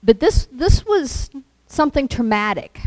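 A woman delivers a sermon at an unhurried, deliberate pace, her voice sitting a little high. She speaks conversationally, like she is telling a story. The sound is dry and close. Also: sing-song, no room sound, rough recording. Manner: slow, conversational storytelling with acted-out quotes. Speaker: preacher.

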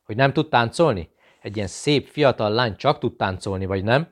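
A man voicing a cruel, mocking male SS officer who taunts and shouts in a raised voice. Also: low-pitched. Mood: shouting.

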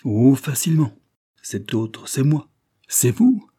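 A cynical older gentleman with a gray mustache speaks coolly and cuttingly, as a man voices him in an audiobook. The voice is low, dark and a little husky. He sounds worldly-wise. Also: normal speed, no room sound, studio quality. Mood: challenging. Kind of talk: audiobook character reading.

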